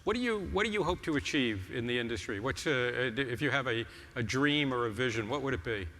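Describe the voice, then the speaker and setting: A man's voice: mid-range voice, lively intonation, a little fast. A man hosting a stage interview at a conference, chatty, with many restarts. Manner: warm, chatty, stumbling restarts. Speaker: host on stage. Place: large conference hall. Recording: reverberant hall, stage mic.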